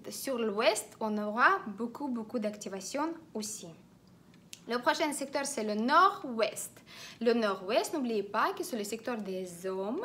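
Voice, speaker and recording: Lady explaining feng shui, slightly high voice, lots of euh and restarts. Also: fairly bright tone. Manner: hesitant, many filler sounds and restarts; instructive, repeats directives. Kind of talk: explanatory online teaching.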